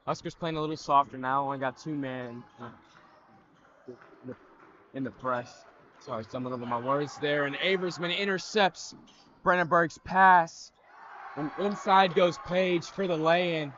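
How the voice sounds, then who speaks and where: Teen guy calling hs hoops, bright tense voice, kinda high, dull lo-fi stream w faint gym noise. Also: measured pace. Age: teens. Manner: excitable, breaks into loud cheering. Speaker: student play-by-play announcer. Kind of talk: high school basketball play-by-play.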